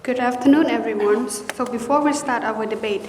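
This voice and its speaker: A young woman moderating a debate in a formal, careful, slightly halting way. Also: on the high side, darkish tone, a little hiss or hum. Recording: roomy hall reverb.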